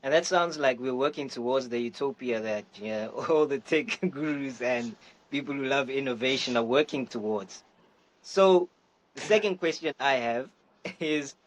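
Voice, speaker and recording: A man's voice: medium pitch, rough recording. A man hosting a podcast, introducing his guest with playful hype and asking questions. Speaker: podcast host. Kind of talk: energetic podcast interview.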